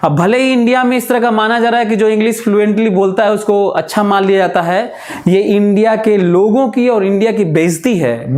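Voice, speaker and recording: A man teaching physics, listing terms slowly and repeating himself, with moral asides. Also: sits high, a little mellow. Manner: slow, repetitive, lists terms aloud, drifts into moral asides. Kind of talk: classroom lecture.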